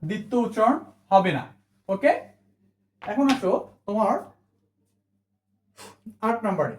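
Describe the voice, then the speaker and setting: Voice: medium pitch, sing-song, slow pace, echoey room. A teacher giving an exam-prep spelling lesson, repeating each rule and asking questions back to the students, with English words mixed in. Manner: repeats rules and asks rhetorical questions; mixes English words into the talk.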